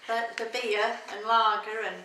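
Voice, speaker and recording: A middle-aged woman from Doncaster in Yorkshire chats casually in an interview with a Yorkshire accent, often searching for words. Her voice is a little high, pushed and bright, with a flat delivery at normal speed. The recording sounds roomy and distant, with faint noise.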